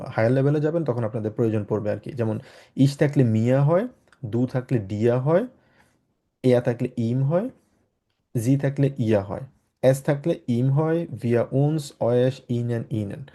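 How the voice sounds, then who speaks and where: A man's voice: mid-range voice, mellow. A man teaching a German class to students, patiently explaining and often asking if everyone is following. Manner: patient, often checks in with "ঠিক আছে?"; mixes English words into his explanations. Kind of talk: online class lecture.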